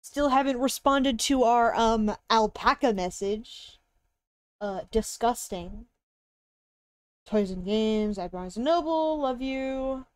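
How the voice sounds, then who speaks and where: A young woman streams casually in a high, swooping voice, with a cute, bubbly anime-streamer manner. She takes her time over her words and reacts in an exaggerated way. The sound is close and dry. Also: slow, clean tone, no room sound. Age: young adult. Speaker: live streamer. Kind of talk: casual livestream chat, browsing and reacting. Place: indoor room at a streaming desk.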